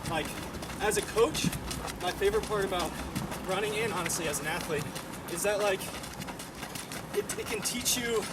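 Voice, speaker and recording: A man's voice: sits high, normal speed, pauses often, loud music behind the voice. A young American man in his twenties chatting casually and informally while running outdoors, in rambling sentences peppered with "like". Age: 20s. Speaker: runner and online running coach. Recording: distant mic, loud outdoor traffic noise.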